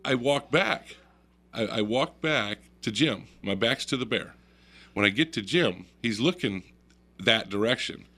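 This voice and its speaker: A man's voice: mid-range voice, animated, unhurried, sharp tone. A man telling a story on a radio talk show, laughing often and acting out the voices in it. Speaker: guest storyteller.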